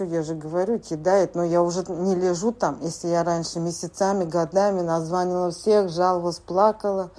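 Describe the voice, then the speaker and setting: A woman in her forties sharing at a recovery group meeting, speaking haltingly with many filler words. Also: fairly low pitch, warm tone. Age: 40s. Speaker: support group member.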